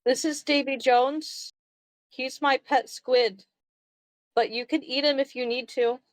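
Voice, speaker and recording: Brief: woman playing a gentle slime critter, naive and eager to help, dry close mic. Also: high-pitched, fairly even intonation, takes it slowly, dry recording, voice pushed up. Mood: earnest. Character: timid small slime creature, sweetly earnest.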